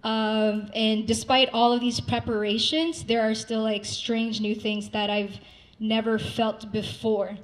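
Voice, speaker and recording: Slow-talking young woman at a mic. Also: a little high, poor audio. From Saudi Arabia. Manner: relaxed, slow, with fillers and restarts. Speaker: singer-songwriter introducing a song. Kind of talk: casual spoken introduction at a live event. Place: dim rooftop event room with city windows. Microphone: handheld mic, filmed by a far camera.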